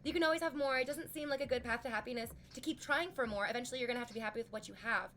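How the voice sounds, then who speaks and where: With faint music behind her, a woman in her thirties streams and chats casually with viewers in the live chat. Her fairly high, fairly bright voice races along as she rambles frankly, using "like" over and over.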